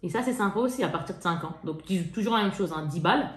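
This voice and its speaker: A woman's voice: medium pitch, animated, fast, noisy background. A young woman in casual chat with her viewers, showing off things she bought. She talks in a slangy, chatty way and laughs often. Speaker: haul vlogger. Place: indoors at home. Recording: echoey room.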